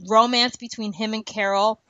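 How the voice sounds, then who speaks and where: Chatting about a TV show on a casual fan podcast she co-hosts, a woman speaks in a slightly high voice at a moderate pace, full of playful slang and animated energy. The recording is dry and lo-fi.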